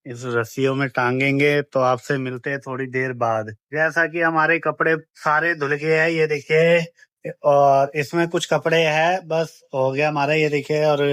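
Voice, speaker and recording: A man's voice: medium pitch, clean tone, no room sound, studio quality. A man narrating a casual family vlog as he walks through his home and rooftop, talking straight to the viewers. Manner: chatty tour-guide narration, repeats "ये देखिए" and "मतलब". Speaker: family vlogger.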